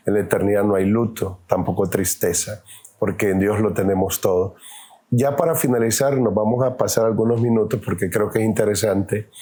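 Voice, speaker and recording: Gentle man hosting a church podcast. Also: on the low side. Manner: gentle, encouraging, answers with "amén" and "así es". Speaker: podcast host. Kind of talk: interview questions and affirmations.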